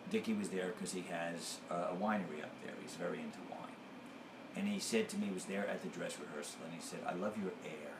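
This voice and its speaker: A man with a fairly low voice talks through show-business stories at an easy pace, a comedian being interviewed. He slips into other people's voices when he quotes them. The sound bounces around a room, with a clear bed of background noise behind him. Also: echoey room. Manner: unhurried storyteller who acts out quotes. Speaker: comedian guest. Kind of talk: casual interview chat.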